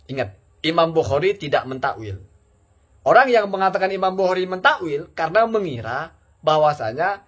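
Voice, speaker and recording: A man's voice: a little high, breathy edge. A man giving a casual spoken rebuttal, reasoning step by step and asking himself rhetorical questions. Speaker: commentator rebutting a preacher. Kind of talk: casual argumentative commentary.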